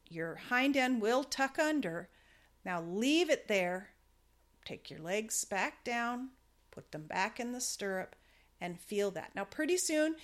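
Lady riding teacher, easygoing chat, walks you through it step by step, fixes her slips as she goes. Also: mid-range voice. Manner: chatty, step-by-step, with small self-corrections. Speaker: riding instructor. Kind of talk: casual instructional talk.

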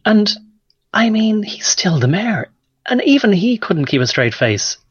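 A man's voice: sits high, big pitch swings, a little slow, breathy edge, dry recording, muffled recording. A man from Ireland co-hosting a political talk radio show, mocking his topic in a sarcastic, rambling way.

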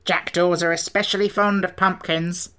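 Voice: mid-range voice, little pitch movement, normal speed, pushed and bright, close to an everyday voice. A reader voicing a blunt, grumbling wooden sawhorse who growls out his words. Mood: gruff.

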